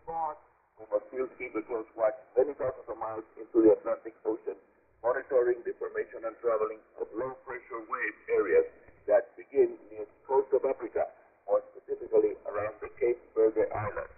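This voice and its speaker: On the low side and slightly rough, the voice belongs to a Cuban radio host speaking native Spanish with a Cuban accent. He reads his scripted program in an emphatic, deliberate, formal announcer style, heard through narrow, muffled shortwave reception on a radio.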